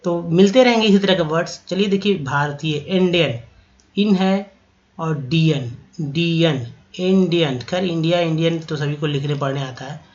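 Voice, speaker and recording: A male teacher spells out English vocabulary letter by letter and repeats each word several times. His voice sits a little high and he talks at a very unhurried pace. The recording is dull and lo-fi. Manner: spells words letter by letter, repeats them slowly; explains pronunciation rules patiently, asks and answers own questions. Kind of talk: slow spelling-out lesson.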